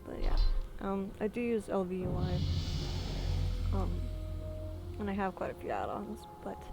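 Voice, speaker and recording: A woman's voice: medium pitch, fairly even intonation, a little slow. A woman gaming host giving casual walkthrough commentary and reading quest text aloud. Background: game music.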